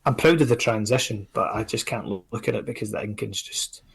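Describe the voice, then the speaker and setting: A Scottish comics creator chatting casually as a podcast guest, rambling and self-critical, with lots of fillers. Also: male voice, lowish voice, brisk, creaky, husky. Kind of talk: casual chat.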